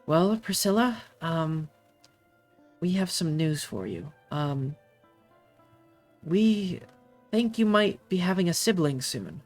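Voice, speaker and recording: A game master voicing a worried, fretful mother in a tabletop game, raising the voice into a higher, anxious register. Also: sing-song, slow pace, long pauses, darkish tone, faint music behind. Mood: strained. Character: worried stern mother fretting over her daughter.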